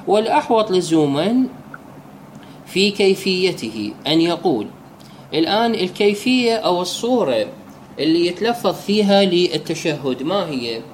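A man with an Iraqi Arabic accent explaining prayer rules as a religious teacher, slowing down whenever he recites the set formulas. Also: high voice, sing-song, slight background noise. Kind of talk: jurisprudence lesson.

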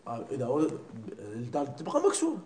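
A man teaches a lesson on prayer recitation, drilling pronunciation slowly and checking that his students understand. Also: mid-range voice, huge pitch swings, dark tone, slight background noise. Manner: keeps checking understanding with short questions. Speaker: religious teacher. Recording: echoey room.

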